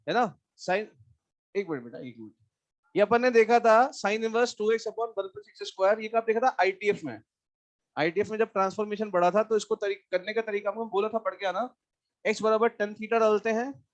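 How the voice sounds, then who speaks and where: A man's voice: sits high, highs cut off. A man teaching math in a live class, chatting with students and then working through a problem. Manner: mixes Hindi with English math terms, asks students questions.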